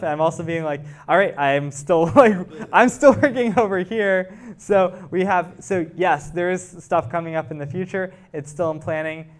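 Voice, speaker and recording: A guest researcher fields audience questions in an informal scientific Q&A after a talk, explaining casually and thinking out loud. His voice is smooth and on the higher side.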